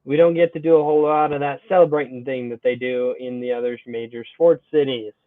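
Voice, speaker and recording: This young adult podcast host talks college sports in a laid-back, upbeat style, starting with lively energy before easing off. His voice sits at medium pitch and runs fairly fast. It sounds thin and phone-like, with a dry recording and no room sound.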